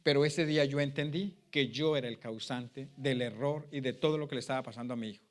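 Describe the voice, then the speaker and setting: A middle-aged man preaching a sermon, telling a personal testimony that swings from loud pleading to hushed, quiet tones. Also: mid-range voice, fast. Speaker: pastor.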